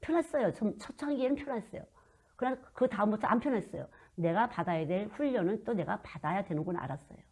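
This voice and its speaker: A woman in her fifties preaching a sermon and telling stories from her own life, moving between loud emphasis and hushed asides. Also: mid-range voice, expressive, quick pace, slightly rough. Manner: storytelling, swings from loud to hushed. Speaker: children's missionary preacher.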